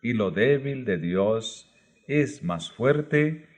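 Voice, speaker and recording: A man narrating a religious book aloud, reading in slow, measured short phrases. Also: mid-range voice, animated. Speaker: audiobook narrator.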